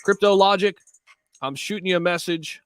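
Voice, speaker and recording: A man's voice: high voice, moderate pace, a bit bright, clear, resonant tone, dry recording, soft background music. A man hosting a casual crypto livestream, talking to viewers in hyped, slangy crypto bro style.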